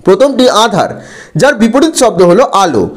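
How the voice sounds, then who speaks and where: High-voiced, lively teacher. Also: male voice. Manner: slow, deliberate, spells out words syllable by syllable. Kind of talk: textbook answer walkthrough.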